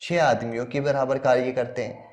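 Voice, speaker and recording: A man's voice: medium pitch, steady tone, moderate pace, darkish tone. Male maths tutor for exam prep, walks through each step, asks and answers his own questions, mid-range voice. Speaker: maths teacher.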